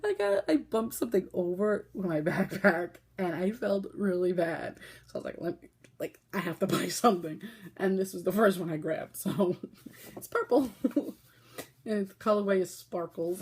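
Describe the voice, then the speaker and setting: A woman's voice: fairly low pitch, expressive, unhurried, a little mellow, slight background noise. A woman from Brooklyn with a New York accent, hosting a casual yarn haul chat, chatty and gushing, often laughing. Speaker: knitting podcast host.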